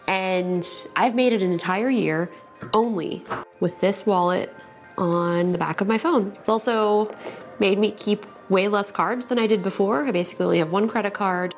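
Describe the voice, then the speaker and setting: A tech YouTuber hosts a relaxed unboxing vlog from her own studio, her voice on the lower side. She's bubbly and excitable, gushing over each item she pulls out.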